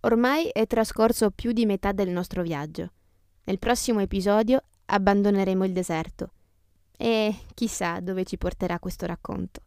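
A woman's voice: mid-range voice, moderate pace, darkish tone, clear, resonant tone, no echo. A woman podcast host reading scripted travel narration in a reflective, descriptive storytelling way. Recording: music behind the voice. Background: guitar music.

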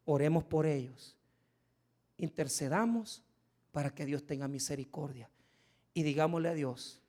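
A middle-aged man preaching a sermon as pastor, swinging from soft speech to loud shouts. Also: fairly high pitch, measured pace.

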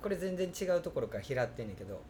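A man's voice: medium pitch, big pitch swings, rapid-fire, darkish tone, slight background noise. A man with a Kansai accent hosting a casual podcast chat, laughing often and tripping over tongue twisters. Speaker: podcast host.

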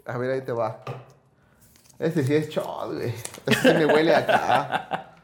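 A man's voice: mid-range voice, measured pace, slight background noise. A man with a Mexican accent co-hosting a podcast, joking crudely and singing off-key during a drinking game. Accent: Mexican Spanish. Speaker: podcast co-host. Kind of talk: casual drinking-game banter. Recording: echoey room with faint music.

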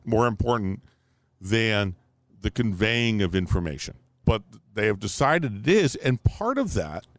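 Animated man in a dry podcast chat. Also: mid-range voice, no room sound. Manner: animated, emphatic, swears casually. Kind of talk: casual political and media chat.

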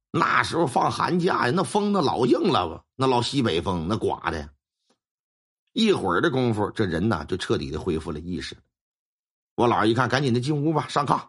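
A man telling a ghost story in an animated, colloquial way full of sound-effect words. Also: mid-range voice, husky. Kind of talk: spoken ghost story narration.

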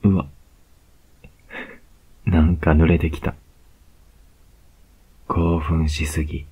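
A man with a Kansai accent playing a cocky young male student who teases his teacher, in a whispered role-play with a slow, close murmur. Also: very deep voice, flat delivery, slightly rough, full character voice. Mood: teasing. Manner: slow, close, teasing murmur with soft laughs.

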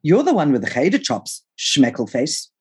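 A woman's voice: low voice, wildly swooping pitch, breathy edge, exaggerated voice. A woman voicing a bold, bossy young woman in her own novel, giving orders to her little brother. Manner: bossy, quick-tongued and loud. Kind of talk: reading her novel aloud.

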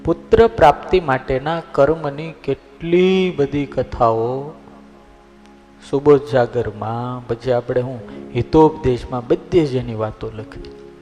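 A male swami, giving a sermon full of folksy stories. His pitch sits in a middle range, and he often checks in with listeners as he goes. The voice carries through a large echoey hall with faint music behind. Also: slow pace, a little mellow, lo-fi sound. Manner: folksy, storytelling, asks listeners for agreement. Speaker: swami preacher.

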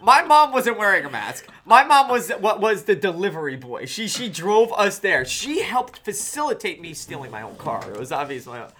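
A man's voice: high voice, big pitch swings, normal speed, few pauses, pushed and bright. A man in his forties telling a wild story in casual, profane chat, laughing often and putting on voices for the people he quotes. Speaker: podcast guest.

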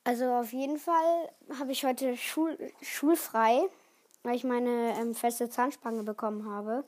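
A woman's voice: a little high, fairly even intonation, takes it slowly, darkish tone, no room sound. A teenage girl hosting her own podcast in casual solo chat, rambling and often restarting her sentences. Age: teens. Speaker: podcast host.

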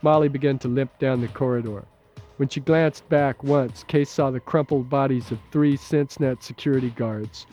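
Mellow-voiced male audiobook narrator. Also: mid-range voice, fairly even intonation, moderate pace, faint music behind. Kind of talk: scripted narration.

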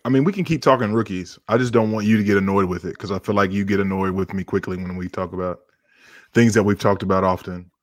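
A man's voice: low-pitched, quick pace, dry recording, clean studio sound. A man co-hosting a casual podcast in a laid-back, joking way. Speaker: podcast co-host.

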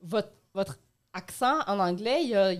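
A woman's voice: mid-range voice, lively intonation, unhurried. A woman, co-hosting a podcast and chatting freely with her opinions. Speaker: podcast co-host. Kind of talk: casual podcast banter.

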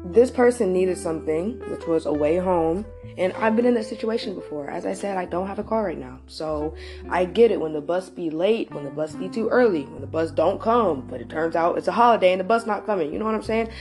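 A woman's voice: fairly low pitch, a little fast, over music. A young adult woman hosting, telling a personal story in a casual, emphatic way and speaking straight to her listeners. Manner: animated, emphatic, addresses listeners directly, swears. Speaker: host.

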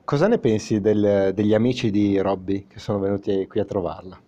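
Young male co-interviewer, slightly deep, casual questioning, muffled lo-fi sound. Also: steady tone, a little fast, warm tone. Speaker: podcast co-interviewer. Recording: dull lo-fi sound.

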